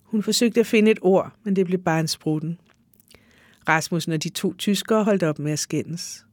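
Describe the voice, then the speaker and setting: A reader giving a measured, even literary reading. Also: mid-range voice, no echo, clean studio sound. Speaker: audiobook reader.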